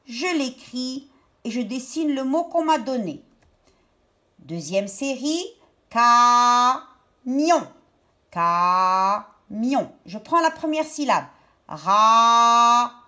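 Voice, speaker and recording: A woman teacher talking young pupils through a worksheet step by step, stretching out each word slowly. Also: high voice, lively intonation. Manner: slow, step-by-step, drawn-out words for young pupils. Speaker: primary school teacher. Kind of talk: remote lesson explaining a worksheet.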